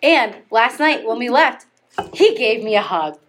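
A woman's voice: fairly high pitch, expressive, unhurried, a bit bright, a little hiss or hum. A young woman co-hosting a casual podcast, rambling with lots of fillers and frequent laughter. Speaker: podcast co-host. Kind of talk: casual chat.

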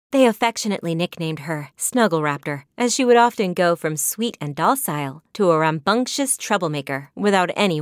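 A woman narrates a children's storybook in a gentle, measured way. Her voice sits a little low. The recording is close and dry. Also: no room sound. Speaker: author narrating her own book.

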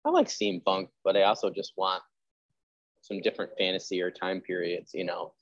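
Hosting an easygoing genre-fiction interview, this man, a history teacher, rambles through plenty of fillers like "like" and "you know." He speaks at a moderate pace in a low voice with little pitch movement. The audio is dull, with no room sound.

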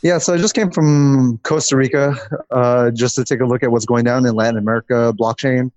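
Guesting on a podcast, a growth marketer explains things loosely, rambling and reeling off lists in a casual interview. He talks fairly quickly in a medium-pitched, darkish voice with fairly even intonation, recorded dry.

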